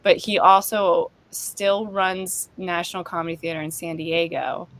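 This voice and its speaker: A woman, chatting as a comedian guest in an interview, bursting with enthusiasm. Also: fairly low pitch. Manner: excitable, quick bursts of enthusiasm. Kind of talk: casual interview chat.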